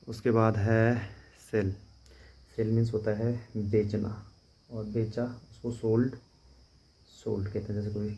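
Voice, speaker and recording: A man teaching English vocabulary in a steady, repetitive drill, spelling words out letter by letter. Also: fairly low pitch. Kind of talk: vocabulary lesson. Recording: dull lo-fi recording.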